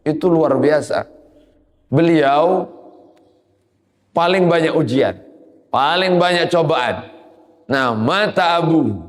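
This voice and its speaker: A man's voice: mid-range voice, big-room sound. A man giving an Islamic sermon, moving between quoted Arabic and explanation with rising emphasis. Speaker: preacher.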